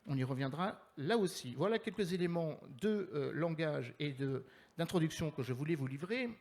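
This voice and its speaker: A man moderating a conference panel in French, formal and wordy, with measured phrasing and deliberate pauses. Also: on the high side, gravelly.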